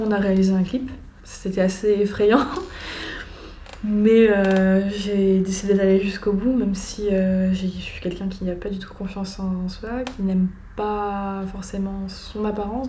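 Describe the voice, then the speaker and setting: A young woman giving a personal testimony, pausing often and searching for her words. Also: mid-range voice, little pitch movement, mellow. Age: young adult. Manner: hesitant, many filler pauses. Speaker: young program participant. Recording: echoey room with faint noise.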